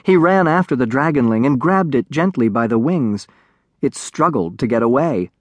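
An expressive male narrator reading a children's story, his pitch rising and falling widely. His voice sits at a middle pitch, and the close studio recording is dry. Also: normal speed, no echo. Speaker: audiobook narrator. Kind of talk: scripted children's audiobook narration.

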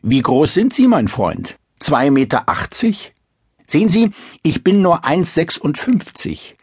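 A man reading a spoiled young princess whose high, husky voice mocks everyone with theatrical scorn. She teases and shrieks in turn, with a dry, close sound. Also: big pitch swings, unhurried, dry recording, exaggerated voice. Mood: mocking. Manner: sharp-tongued, teasing, theatrical. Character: haughty, mocking young princess. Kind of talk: storybook reading.

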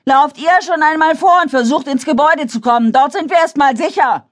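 A woman narrator voicing a determined teenage girl who shouts to her friends through heavy rain. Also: a bass voice, lively intonation, takes it slowly, breathy edge, voice pushed down, exaggerated voice. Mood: shouting urgently.

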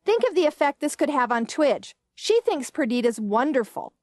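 A woman doing a shrill, indignant grown daughter. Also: big pitch swings, moderate pace, a little mellow, dry recording, studio quality. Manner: outraged, complaining.

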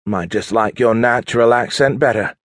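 A man's voice: mid-range voice, normal speed, dry recording, lightly acted. A man voicing a playful older British woman who teases her husband.

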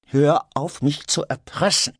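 A man's voice: mid-range voice, very animated, unhurried, a little mellow, husky, dry recording, voice pushed up, exaggerated voice. A man voicing a guilt-ridden young man in an audiobook, speaking urgently and pleadingly. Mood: pleading, tense. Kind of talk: audiobook character voice. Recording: dry studio recording.

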